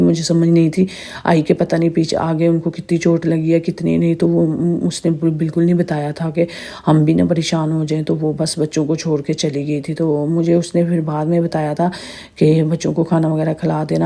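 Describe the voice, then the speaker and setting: A woman in her thirties with a sore, slightly hoarse throat, chatting through a casual vlog voice-over. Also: low-pitched, dark tone. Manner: chatty, rambling storytelling. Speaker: vlogger narrating her day.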